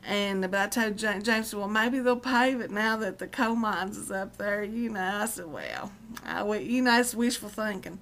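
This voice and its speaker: A woman's voice: medium pitch, lively intonation, moderate pace, fairly bright tone. A middle-aged woman with an Appalachian accent from West Virginia, chatting casually as a vlogger in a folksy, colloquial, meandering way. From Appalachian West Virginia, United States. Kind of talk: casual rambling chat to viewers.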